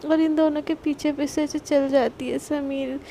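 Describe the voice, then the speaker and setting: A woman with a high, mellow voice narrates a serialized love story in a loose, chatty manner. Her sentences run on one into the next, with little rise and fall in the melody. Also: flat delivery, a little slow, creaky, slight background noise.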